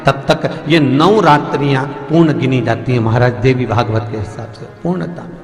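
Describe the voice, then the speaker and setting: A man's voice: medium pitch, moderate pace. A man giving a devotional sermon, asking the audience questions and counting off the days one by one. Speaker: religious storyteller preacher. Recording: echoey hall with music behind.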